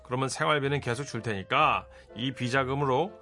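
A man's voice: medium pitch, a little fast, sharp tone, soft background music. A man playing a stingy, controlling, smug husband in his fifties in a theatrical comic radio reenactment.

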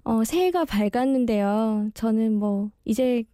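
Soft, mellow young woman speaking through braces. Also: on the high side, lively intonation, a little slow, no echo, clean studio sound. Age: early 30s. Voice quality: slightly slurred articulation from wearing dental braces. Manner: bashful, sincere, hesitant amateur delivery. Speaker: one-day guest radio DJ. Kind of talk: late-night radio talk, personal monologue.

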